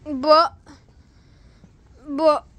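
A woman giving excitable, casual gameplay commentary, swearing and dropping to whispers while hiding. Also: sits high, drawn-out words. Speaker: gamer.

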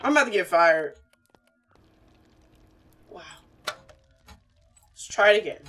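A woman's voice: mid-range voice, animated, takes it slowly, fairly bright tone, recorded from a distance. A young woman giving casual, slangy gameplay commentary, animatedly talking to herself and to her viewers. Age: young adult. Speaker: gaming streamer.

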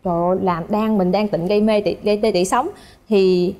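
A young woman, a guest telling a story in lively casual chat and laughing often. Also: mid-range voice, a little fast.

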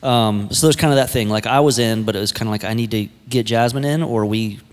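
A man in his thirties, an executive pastor, telling his story in a relaxed, chatty way on a church stage with a handheld mic. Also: lowish voice, quick pace. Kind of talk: casual church interview. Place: church stage set with armchairs. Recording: long reverb of a large hall.

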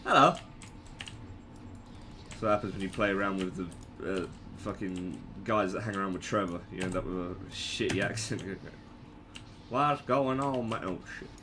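A man's voice: deep voice, level tone, a little fast, background noise. A man casually commenting on his own gameplay, joking and stammering through restarts.

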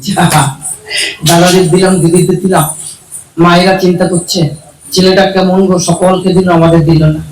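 Brief: high-voiced male puppeteer, joking patter, echoey and distant with music. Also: completely flat delivery, a little hiss or hum. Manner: cheeky, rapid-fire joking. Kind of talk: live puppet show comedy patter.

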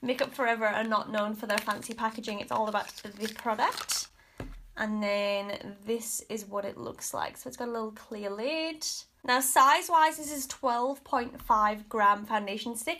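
Sharp-toned and a little high, her fairly even voice moves at a normal speed and sounds congested. She's an Australian beauty vlogger in her thirties, frankly chatting through a makeup review at her mirror-lit bedroom vanity, with plenty of "like" and "kind of."

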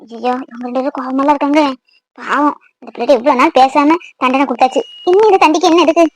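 A woman's voice: sits high, fast, natural voice, rough recording. A woman doing a gossiping female relative. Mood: gossipy. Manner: gossipy, musing aside. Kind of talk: cartoon voice acting.

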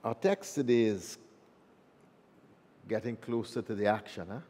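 A man's voice: on the low side, measured pace, warm tone. Priest guy with long cathedral echo, chatty homily, some ums and restarts. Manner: plain, conversational, with fillers and restarts. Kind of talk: gospel reading and homily. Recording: long echo of a large church.

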